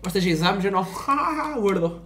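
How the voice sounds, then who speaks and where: Young Portuguese streamer, swearing and teasing. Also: male voice, high voice, animated, a little slow, sharp tone, slight background noise. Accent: European Portuguese. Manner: swears a lot, teasing and loose, often laughing. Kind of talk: casual gaming stream chat.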